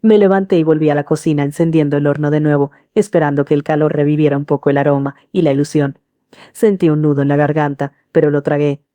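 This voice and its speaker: A middle-aged woman narrating a first-person story in a calm, earnest way. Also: low-pitched, fast talker, no echo.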